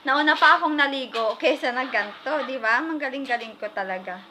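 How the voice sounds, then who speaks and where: Chatty Filipina vlogger in echoey kitchen. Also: female voice, high voice, fairly quick. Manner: chatty, rambling, many fillers. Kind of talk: casual family vlog chat. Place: home kitchen. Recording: echoey room with noise.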